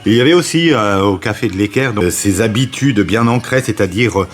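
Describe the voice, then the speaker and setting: Local interviewer guy, lowish voice, kinda halting, friendly. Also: lively intonation, faint music behind. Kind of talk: interview questions.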